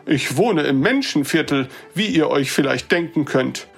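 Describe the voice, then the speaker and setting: A storyteller voicing an older human gentleman who speaks formally and a little hesitantly. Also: medium pitch, expressive, moderate pace, vocal fry, breathy edge. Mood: earnest. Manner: formal, hesitant, old-fashioned.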